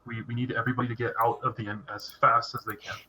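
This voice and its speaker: A man's voice: medium pitch, little pitch movement, fast, bright, forceful tone, a little hiss or hum. A man playing an urgent adventurer. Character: urgent adventurer warning of danger.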